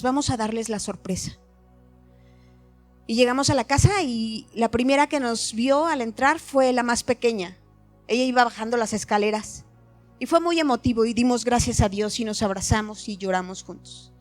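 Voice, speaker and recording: A middle-aged woman giving an earnest, heartfelt personal testimony at a church meeting. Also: a little high.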